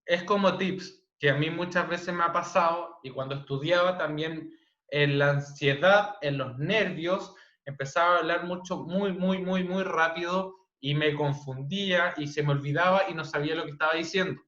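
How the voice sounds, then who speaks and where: A man with a Chilean accent teaching an online class, speaking loudly and checking in with tag questions. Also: a little high, normal speed. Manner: loud, frequent "¿cierto?" tag questions. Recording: dull, roomy online-class audio.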